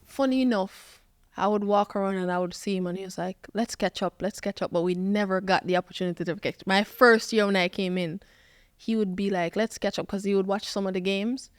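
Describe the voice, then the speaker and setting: Recorded with no room sound, a woman in her twenties from Jamaica speaks fairly quickly in a mid-range voice. She's a footballer guesting on a podcast interview, and her storytelling is lively, with quoted lines performed rather than just reported.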